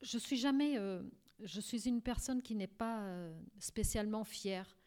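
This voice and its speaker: A middle-aged woman from Portugal, recounting her life in a halting interview with many fillers and restarts. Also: mid-range voice, darkish tone. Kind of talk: personal life story interview.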